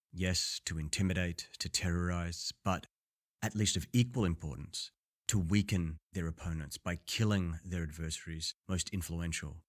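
A man hosting and narrating a documentary in a calm, measured scripted delivery. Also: sits low. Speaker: host, narrator.

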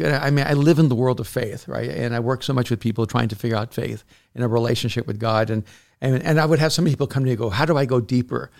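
A middle-aged pastor and author from El Salvador appears as a podcast guest, telling stories earnestly and often restarting his sentences in a reflective, casual conversation. His voice sits at medium pitch with noticeable vocal fry.

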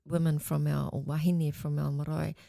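A woman's voice: low voice, little pitch movement, normal speed, creaky, dark tone, dry recording, clean studio sound. A woman in her forties with an Australian accent, a podcast guest chatting casually and laughing often. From New Zealand and Australia.

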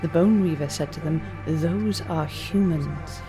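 A woman voicing a calm female principal teacher who tells an old legend in a measured, gentle cadence. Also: deep voice, music in the background. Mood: storytelling. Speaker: teacher figure in an audiobook. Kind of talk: audiobook character reading.

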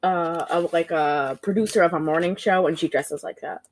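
A woman co-hosting a podcast, talking through a movie review in an animated, gossipy way with lots of fillers. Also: fairly low pitch, normal speed, a little hiss or hum. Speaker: podcast co-host. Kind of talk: casual movie review chat.

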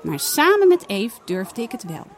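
A woman's voice: a little high, very animated, moderate pace, some chatter behind. A woman voicing a timid little girl who finds her courage in a storybook reading. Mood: shy.

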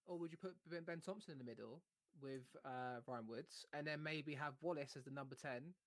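A man's voice: on the high side, fairly quick, no echo, studio quality. A man hosting a casual football chat, giving opinions and reasoning them out aloud. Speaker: football podcast host.

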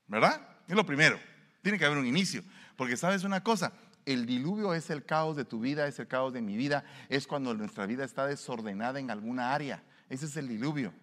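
Pastor preaching in a reverberant hall. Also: male voice, mid-range voice, animated, a little fast, sharp tone. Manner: colloquial, rhetorical questions, emphatic. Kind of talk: sermon.

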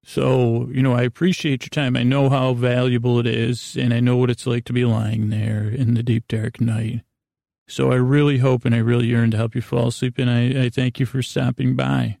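Studio-quality audio with no room sound captures a sleep podcast host easing listeners toward bed with a gentle, wandering monologue, halting and full of trailing asides. His pitch is medium, his delivery flat, and there's vocal fry in his voice.

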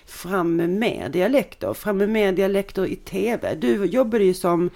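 A woman's voice: mid-range voice, animated, creaky, mellow. A woman hosting a Swedish podcast, asking her guest friendly, curious questions in a casual chat. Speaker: podcast host.

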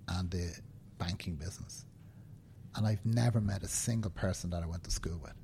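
This man's voice is low, creaky and mellow, with slight noise in the background. A fifty-something banking professional from Ireland with a Dublin accent, he speaks earnestly and emphatically as a seated interview guest indoors, often asking "right?".

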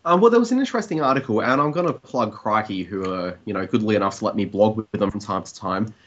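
Casual Australian male commentator, brisk and conversational, on a muffled lo-fi recording. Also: lowish voice, expressive. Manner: conversational, opinionated, hedging with "I mean". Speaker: TV industry commentator, blogger. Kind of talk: casual discussion.

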